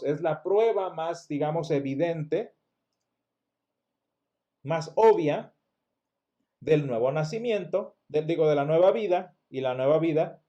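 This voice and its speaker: A man's voice: on the high side, dark tone, dull audio. A man teaching a Sunday school lesson, explaining patiently and asking the class rhetorical questions. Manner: restarts words often. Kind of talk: church Bible lesson.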